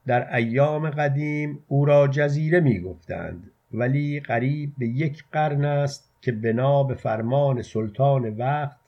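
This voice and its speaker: A man voicing a gruff male soldier who guards a city gate, talking harshly and loudly in a muffled lo-fi recording. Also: mid-range voice, few pauses, natural voice. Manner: harsh, barking.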